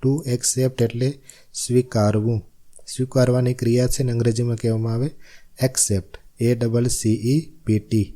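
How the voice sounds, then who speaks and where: Dark-voiced man spelling out words. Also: medium pitch, little pitch movement, normal speed. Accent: Gujarati. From Gujarat, India. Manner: spells words out letter by letter, repeats each meaning. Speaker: teacher. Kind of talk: spelling lesson.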